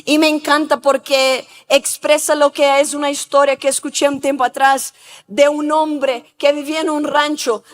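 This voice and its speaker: A woman pastor preaching a sermon, telling stories and asking the congregation to repeat after her. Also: high-pitched. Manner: asks rhetorical questions. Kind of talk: sermon with storytelling.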